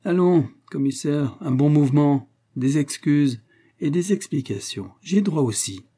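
A man playing a proud, sharp-tongued young gentleman. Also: fairly high pitch, animated, measured pace, breathy edge, pitched above the performer's own voice. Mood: ironic. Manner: cutting, ironic.

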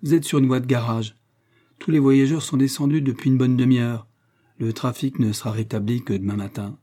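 A man voicing a brisk, matter-of-fact railway porter with a husky voice. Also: mid-range voice, fairly even intonation, dark tone, close to an everyday voice.

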